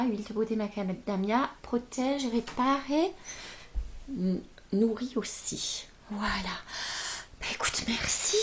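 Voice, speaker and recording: A woman talks at a slow, unhurried pace in a slightly high voice, gushing and exclaiming as she unboxes beauty gifts on camera. A faint hiss sits behind her casual chat. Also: a little mellow. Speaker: beauty vlogger.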